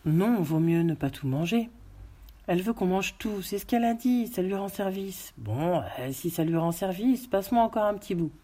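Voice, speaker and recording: A woman's voice: mid-range voice, expressive, normal speed, dark tone, a little hiss or hum, close to an everyday voice. A woman voicing a group of hungry policemen talking bluntly over a meal. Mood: casual. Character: hungry policemen eating, men, casual.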